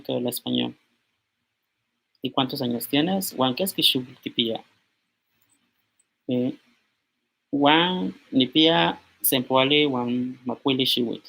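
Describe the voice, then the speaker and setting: A young man in his twenties, from Mexico, giving an informal language lesson and slowly repeating words as he writes them out. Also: mid-range voice, creaky, fairly bright tone. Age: 20s. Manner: slow, repeats words aloud while writing on a board. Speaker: language teacher.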